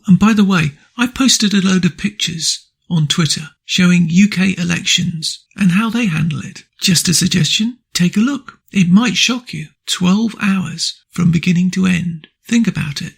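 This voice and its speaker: A hoarse man with a croaky voice hosting an opinion monologue, speaking emphatically and repeating rhetorical questions. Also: high voice. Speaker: radio commentary host.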